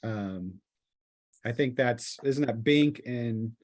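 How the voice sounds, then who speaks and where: A man serves as game master for a tabletop roleplaying game, improvising the narration haltingly and pausing mid-sentence. His voice sits at a medium pitch with a somewhat dark tone.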